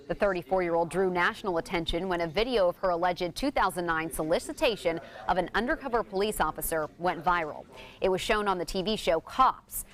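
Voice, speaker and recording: A woman reading scripted news as a television anchor. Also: fairly low pitch. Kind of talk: scripted newscast narration. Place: TV news studio.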